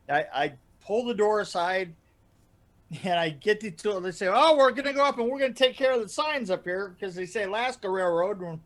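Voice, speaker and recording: On a video call from an indoor room, a podcast storyteller and frequent guest with a markedly high voice recounts casual anecdotes. His delivery is animated yet hesitant, with repeated words, doubled-back phrasing, and laughter woven through.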